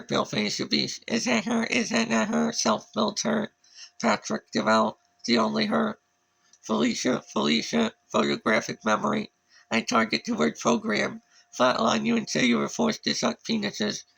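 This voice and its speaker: A man speaks alone in a high voice, jumping from word to word in a disjointed monologue. His voice is heavily gravelly and husky. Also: fairly bright tone, poor audio. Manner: disjointed, jumps between words and lists. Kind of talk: solo rambling monologue.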